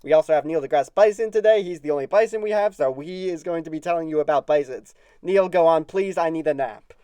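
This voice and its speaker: A man's voice: fairly high pitch, fast talker, mellow, clean tone, no room sound. A young man hosting a puppet animal news show in a loopy, goofy, punning style. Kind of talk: comedic animal news presenting.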